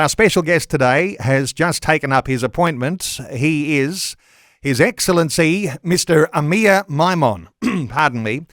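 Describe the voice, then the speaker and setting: A man's voice: fairly high pitch, fairly bright tone, no room sound. Australian male talkback radio host, studio-dry. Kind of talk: radio interview presenting.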